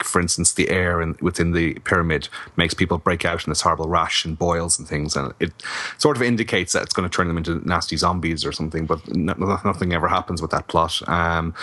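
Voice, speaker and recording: Low, bright-voiced man, dry critical podcast reviewer. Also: no echo. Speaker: podcast co-host, film reviewer. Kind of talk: casual film review chat.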